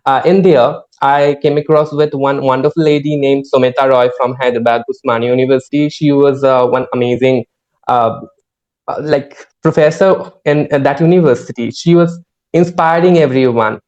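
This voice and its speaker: A man's voice: medium pitch, steady tone, normal speed, a little mellow. Man, podcast host, hesitant with fillers, dull lo-fi call sound. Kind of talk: casual podcast conversation. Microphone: video call.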